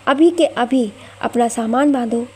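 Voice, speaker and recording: A woman's voice: fairly high pitch, measured pace, breathy edge. A woman voicing a stern older mother-in-law who gives commands to the household.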